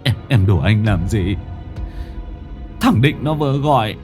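A man's voice: lowish voice, expressive, a little slow, darkish tone, soft background music. A man voicing a middle-aged man, frantic and crying over his father. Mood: grieving frantic.

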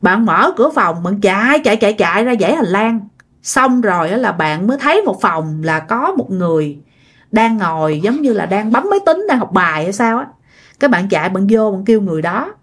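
Animated woman storyteller. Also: mid-range voice, a little fast, slightly rough. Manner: chatty, animated, addresses listeners directly. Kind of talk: casual ghost story narration.

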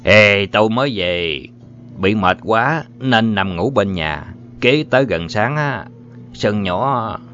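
A man's voice: on the low side, lively intonation, slow, a bit bright. A man voicing a boastful, swaggering grown man in an audiobook, talking in a jovial Southern Vietnamese accent. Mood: playful. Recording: muffled with faint music.

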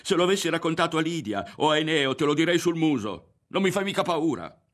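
A man's voice: medium pitch, very animated, moderate pace, a bit bright, pitched above the performer's own voice. A man reading an audiobook, voicing a defensive, proud teenage boy who protests indignantly.

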